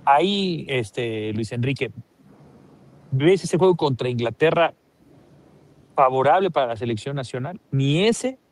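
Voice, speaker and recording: A man with a Mexican accent hosting a live sports talk show, animated and joking, with lots of restarts. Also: mid-range voice, unhurried, pauses often.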